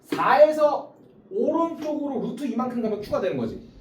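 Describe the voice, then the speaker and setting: Animated math tutor in a roomy classroom. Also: high voice, moderate pace, slight background noise. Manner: calls on students by name, explains step by step. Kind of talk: small-group math lesson. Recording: roomy sound from a distance.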